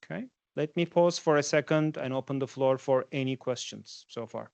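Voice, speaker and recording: A native Turkish speaker from Turkey in his forties gives students a conversational guest lecture, putting questions to them as he goes. His mid-range voice is creaky and darkish, at normal speed, with no echo.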